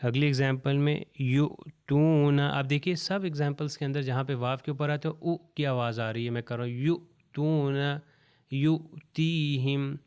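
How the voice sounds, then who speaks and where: A male Quran recitation teacher giving a step-by-step lesson, patiently repeating each word slowly and deliberately. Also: medium pitch, steady tone, a little mellow, clear, resonant tone.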